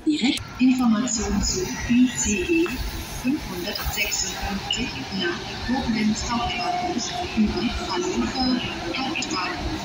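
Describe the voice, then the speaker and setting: Echoey, flat platform announcement by a woman. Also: on the high side. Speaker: railway station announcer. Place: large train station hall, heard over public address. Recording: echoey station loudspeaker from far off.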